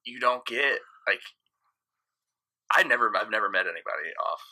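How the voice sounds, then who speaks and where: A man's voice: lowish voice, lively intonation, normal speed, bright, forceful tone. Frank rambling man in his thirties. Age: 30s. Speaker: guest DJ. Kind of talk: casual podcast chat.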